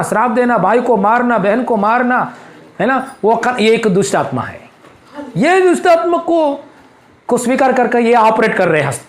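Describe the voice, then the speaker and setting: A male pastor preaching a fervent sermon in a church, breaking in with hallelujah again and again. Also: high-pitched. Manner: fervent, repeats hallelujah constantly.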